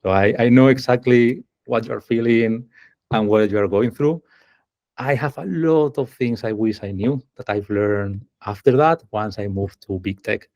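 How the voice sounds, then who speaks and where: Presenting online via video call, a Spanish-accented engineering manager from Spain walks through his material step by step and questions his listeners. His medium-pitched voice is a little slow and mellow, and the audio sounds dull.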